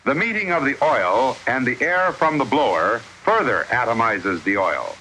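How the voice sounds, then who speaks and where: A man narrates in the formal style of a 1950s educational newsreel. His voice is bright and forceful, with animated rises and falls that keep the instruction clear. It plays on a vintage film soundtrack with light background noise. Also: mid-range voice, normal speed, rough recording.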